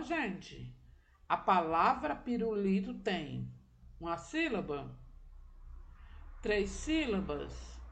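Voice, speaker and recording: A woman's voice: medium pitch, gravelly. A woman teacher giving a patient remote literacy lesson to children, walking through each step and checking that they follow along.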